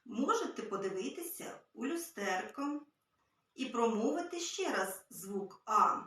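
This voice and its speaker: A woman teaching a literacy lesson to small children, gently and patiently. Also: mid-range voice. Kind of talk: early-years literacy lesson. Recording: very echoey room, far from mic.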